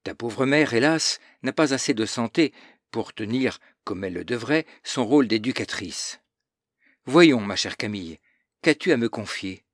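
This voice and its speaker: A man's voice: mid-range voice, expressive, moderate pace, no echo, close to an everyday voice. Preachy pious old aunt, lecturing, self-satisfied, dry close sound, read by a man. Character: stern pious older aunt, sermonizing.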